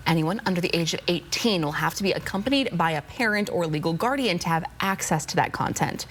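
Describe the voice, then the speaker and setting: A woman's voice: on the low side, slight background noise. A woman working as a morning news anchor, reading stories in a broadcast style with light banter.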